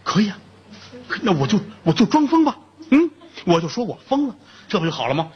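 A man's voice: sits high, very animated, a little fast, muffled recording, pitched above the performer's own voice. A man voicing a troubled, earnest middle-aged male outlaw in a spoken storytelling piece.

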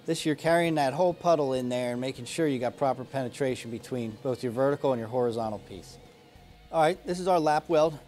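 A man's voice: fairly high pitch, a little mellow. Man explaining welding steps plainly. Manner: plain, practical step-by-step explaining. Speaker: welding instructor. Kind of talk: instructional demonstration. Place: indoor workshop garage studio.

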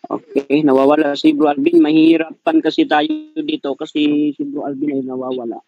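A man's voice: a little high, animated, brisk, vocal fry, soft background music. A man moderating an online debate who talks hesitantly, with many fillers. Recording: dull lo-fi call audio.

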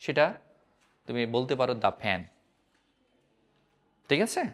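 A man's voice: medium pitch, takes it slowly, a bit bright. A man teaching an English grammar lesson, repeatedly asking his students questions and drilling the answers. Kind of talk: classroom-style grammar lesson.

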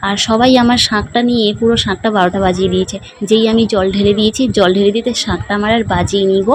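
Fast-talking chatty young woman vlogger. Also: medium pitch, steady tone, noisy background. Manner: chatty, storytelling with many fillers. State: voice strained from announcing. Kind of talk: casual vlog narration.

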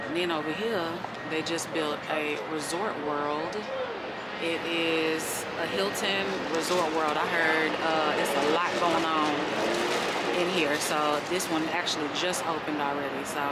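In this very noisy clip, a travel vlogger in her young adult years talks to the camera with a fairly low-pitched voice. Her chatter is casual and effusive, and she addresses everyone as "y'all."

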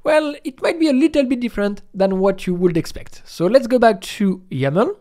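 This software walkthrough comes from a high-voiced man who instructs step by step, his pitch going up and down a lot. He sounds animated and keeps a normal speed.

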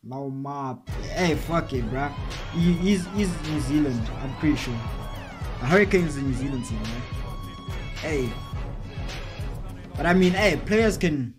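Young male reaction host: excitable, slangy, drawn-out delivery, voice sitting a little high, music up loud behind him. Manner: excitable, slangy, keeps saying "hey, bro". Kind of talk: casual reaction commentary. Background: clear music from the clip being watched.

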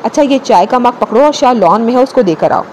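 A woman narrator voicing a brisk, caring sister-in-law giving instructions in an audiobook story. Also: on the high side, expressive, a little mellow, a little hiss or hum, lightly acted, rough recording. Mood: firm.

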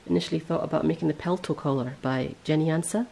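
A woman hosting a podcast in casual chat, rambling and correcting herself as she goes, her voice a little hoarse. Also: low voice, fast, warm tone, low-quality recording. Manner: chatty, rambling, self-correcting. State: voice going hoarse. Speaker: podcast host.

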